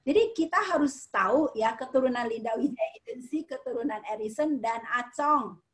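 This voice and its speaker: A middle-aged woman from Medan giving a motivational talk to an audience, emphatic and repetitive, swinging between loud and quiet. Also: fairly high pitch, animated, moderate pace. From Medan, Indonesia. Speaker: motivational speaker.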